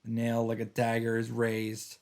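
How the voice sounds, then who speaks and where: This man's mid-range voice is monotone with a darkish tone. He gives casual let's play commentary and reads visual novel narration aloud, halting and rambling throughout.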